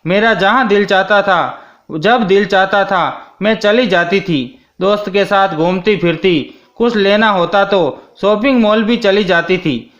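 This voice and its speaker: A man narrating a first-person story in a steady, scripted reading. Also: sits high, measured pace. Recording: dull lo-fi sound.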